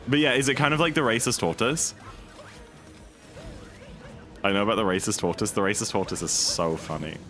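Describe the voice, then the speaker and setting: A man's voice: sits low, fairly bright tone. A man streaming a speedrun, chatting casually and rambling with lots of fillers while he reads and answers his chat.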